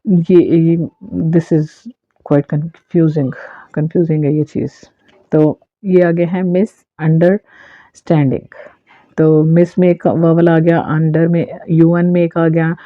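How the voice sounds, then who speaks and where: A woman's voice: low-pitched, no room sound. Woman teacher explaining on a dull, dry phone recording. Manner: explains step by step, with frequent fillers. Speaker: English teacher. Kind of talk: online class explanation.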